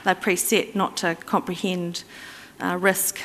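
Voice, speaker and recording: A woman's voice: lowish voice, little pitch movement, slow pace, fairly bright tone, slight background noise. A woman giving a conference presentation in an explanatory, conversational way, with fillers and restarts. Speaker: conference speaker. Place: conference hall. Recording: reverberant conference hall.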